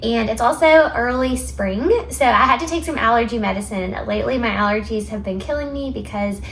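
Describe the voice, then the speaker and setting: A woman's voice: fairly high pitch, a little fast, a bit bright, a little hiss or hum, low-quality recording. A woman hosting a vlog, talking in a casual, conversational style. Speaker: vlog host. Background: music.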